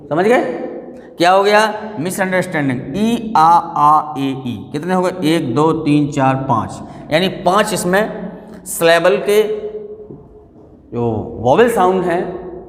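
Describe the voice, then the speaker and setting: Guy teaching english pronunciation, slow and drawn out, lots of repeating and quizzing, roomy echo. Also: high-pitched. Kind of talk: spoken English lesson. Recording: echoey room with long reverb.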